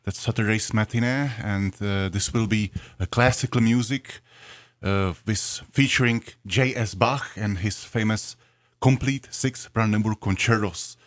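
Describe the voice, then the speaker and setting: A low male voice with a Czech, continental European accent, recorded dry and close. He speaks polite, careful non-native English as a conductor being interviewed on radio, choosing his words formally. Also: unhurried, a bit bright, no echo. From Prague, Czech Republic. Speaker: guest, orchestra conductor.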